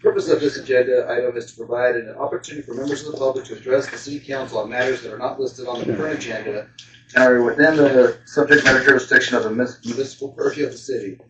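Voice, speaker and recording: A man's voice: medium pitch, steady tone, quick pace, a bit bright. A man chairing a city council meeting, reading procedure formally and stumbling over words, heard through a crackling microphone that cuts in and out. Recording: crackly, dull mic, far off in an echoey chamber.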